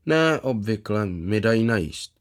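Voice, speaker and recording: A man voicing a gentle, contented former footballer in his fifties, who talks eagerly and proudly about his past. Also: lowish voice, expressive, natural voice. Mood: earnest. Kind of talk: voiced character in a read story.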